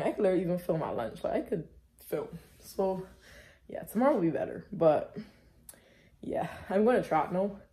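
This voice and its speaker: A woman's voice: fairly low pitch, warm tone. Chatty young woman vlogging to her phone. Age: young adult. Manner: chatty, filler-heavy, upbeat. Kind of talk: casual vlog chat to camera. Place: small apartment indoors. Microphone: phone camera at arm's length.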